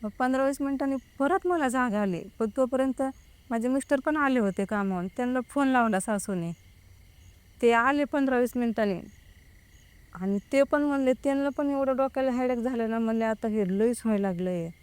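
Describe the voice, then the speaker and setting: Recounting something that happened to her, this young female guest speaks casually and quotes the others involved over and over. Her voice is a little high and a little mellow, fairly quick, with a clean tone on a dry recording.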